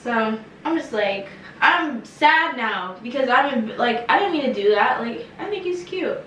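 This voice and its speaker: A young woman telling a casual storytime, animated and slangy with lots of fillers. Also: fairly high pitch, unhurried, slight background noise. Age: young adult. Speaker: vlogger. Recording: echoey room, mic some distance off.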